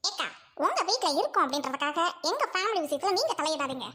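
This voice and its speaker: A woman acting a sharp-tongued, quarrelsome young bride in a Tamil audio drama, scolding her husband and his family. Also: very high-pitched, big pitch swings, fast, soft background music, exaggerated voice. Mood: defiant.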